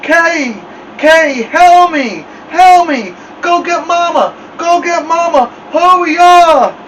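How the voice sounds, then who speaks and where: A man's voice: a little high, lively intonation, slow pace, a bit bright, recorded from a distance, a little hiss or hum, pitched above the performer's own voice, poor audio. A man reading aloud, voicing a young boy whose lips are frozen, crying and mumbling his words. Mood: panicked. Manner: wailing, mumbled pleas.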